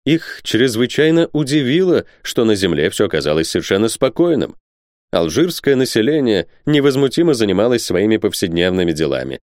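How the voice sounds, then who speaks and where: A man reading a novel aloud as an audiobook narrator, with expressive delivery. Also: lowish voice, a little fast, no echo, studio quality. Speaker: audiobook reader. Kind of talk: scripted narration.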